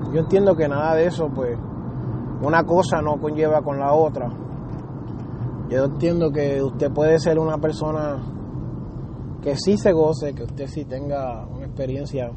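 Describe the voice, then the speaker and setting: A man's voice: a little high, background noise. A man giving an informal sermon, earnest and repetitive, calling the listener "beloved". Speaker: preacher.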